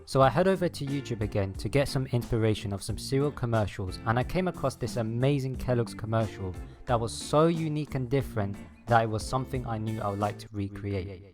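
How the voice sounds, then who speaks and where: A man's voice: mid-range voice, a little fast. A man reading a scripted voice-over as a video creator, explaining his process step by step. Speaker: video creator narrating his own making-of. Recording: music behind the voice. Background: background music.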